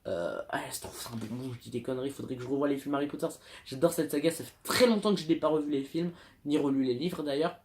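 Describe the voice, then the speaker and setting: A man's voice: medium pitch, quick pace, darkish tone. A young man chatting casually in a home vlog, rambling through his collectible figures with lots of fillers and self-mocking asides. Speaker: YouTuber showing collectible figures.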